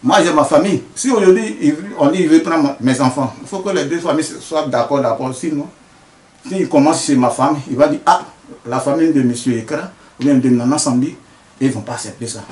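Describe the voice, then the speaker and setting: A man's voice: fairly high pitch, fairly quick, a little mellow, reverberant. A man, a traditional healer answering interview questions earnestly, often restarting his sentences. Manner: explains earnestly with many restarts.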